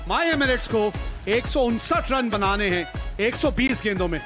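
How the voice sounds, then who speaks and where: A man giving excited, exclamatory cricket commentary. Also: extremely high pitch, normal speed. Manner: exclamatory, shouting on big shots. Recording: loud stadium crowd and music behind. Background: crowd noise and music.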